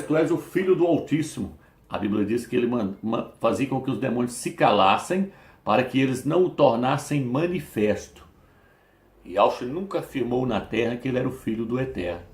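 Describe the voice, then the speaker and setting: A man's voice: medium pitch, echoey room. A man preaching insistently to his listeners, often calling them brother, reading and quoting scripture aloud. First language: Portuguese. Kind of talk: preaching to camera.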